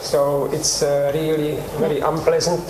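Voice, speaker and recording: An older man with a Czech accent, a researcher explaining his work haltingly, with many pauses, in a TV studio interview. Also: a little high, completely flat delivery, a loud crowd. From Czech Republic. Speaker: cannabis researcher guest. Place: TV studio set. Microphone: lapel mic. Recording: roomy studio with background noise.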